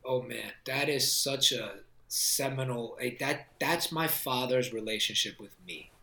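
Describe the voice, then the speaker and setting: A man's voice: medium pitch, measured pace, vocal fry, reverberant. A man, a film director, telling stories in a casual interview with lots of laughter and fillers. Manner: animated, laughing storyteller with many fillers.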